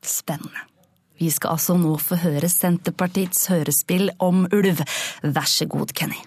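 A woman playing a deadpan local radio host with a husky voice in a comedy sketch. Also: on the low side, no room sound, studio quality.

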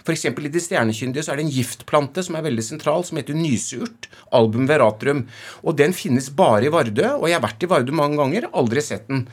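A man with an Oslo Norwegian accent, a novelist talking in an interview in an effusive, emphatic way with halting repetitions. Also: on the high side, lively intonation, slightly rough. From Oslo west, Norway. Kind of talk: animated conversational interview.

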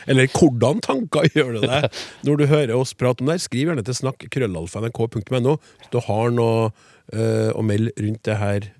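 A man's voice: medium pitch, dry recording. A man hosting a radio language show in a studio, reading listener questions and passing them to the panel. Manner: relaxed, reads listener letters aloud. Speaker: radio host.

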